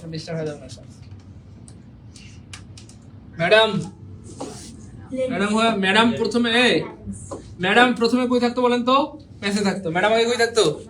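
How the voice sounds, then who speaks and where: A man's voice: high-pitched, normal speed, long pauses, fairly bright tone. A male teacher, leading an exam-prep grammar class and quizzing students with repeated questions and jokes.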